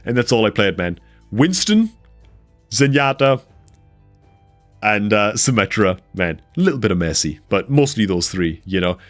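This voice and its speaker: A man chatting casually on a live game stream, laid-back and full of "man" and "dude", his voice congested and a bit rough from a cold. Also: lowish voice, very animated, moderate pace, pauses often, soft background music.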